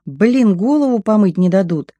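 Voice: medium pitch, animated, moderate pace, warm tone, no room sound, muffled recording, close to an everyday voice. Чтец изображает грубую насмешливую соседку. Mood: mocking. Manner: rude, mocking. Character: crude, brash neighbour woman. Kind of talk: audiobook reading.

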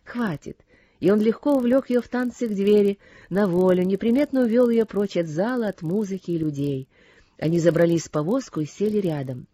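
A woman reading a story aloud as narrator, in a slow, soft and lyrical manner. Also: medium pitch, dry recording. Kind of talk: audiobook reading.

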